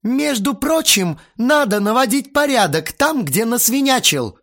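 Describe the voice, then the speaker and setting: A man's voice: moderate pace, fairly bright tone. A man voicing a hysterical, shrieking middle-aged aunt in an audiobook. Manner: shrill, hysterical.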